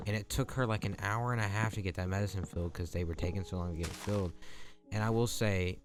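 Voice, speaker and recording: A man's voice: deep voice, steady tone, fast. A young man telling a long story in a rambling, chatty way while he plays a game. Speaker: gaming channel host. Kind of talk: casual storytelling over gameplay. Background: background music.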